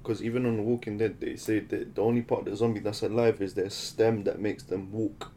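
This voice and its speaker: A man's voice: fairly low pitch, level tone, fairly quick, warm tone. A young man with a London roadman accent and slang, talking casually among friends. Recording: background noise.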